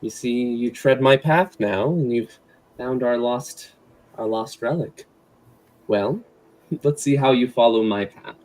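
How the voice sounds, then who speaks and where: A man voicing a huntress mother goddess with a gentle, familiar, encouraging manner in a tabletop game. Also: mid-range voice, slow, lightly acted. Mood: fond. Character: affectionate huntress goddess, mother to her cub.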